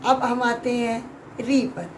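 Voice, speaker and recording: A woman teaching young children a grammar lesson, explaining slowly and clearly, stretching out sounds and often checking whether they have understood. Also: on the high side, level tone, a little hiss or hum, rough recording. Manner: drawn-out sounds, frequent check-in questions. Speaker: Hindi teacher.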